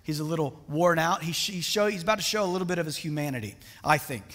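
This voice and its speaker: A man's voice: a little high, lively intonation, fast talker, fairly bright tone. A man preaching a sermon in a casual, conversational way, often restarting his sentences with fillers. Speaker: pastor. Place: church sanctuary. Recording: reverberant church hall.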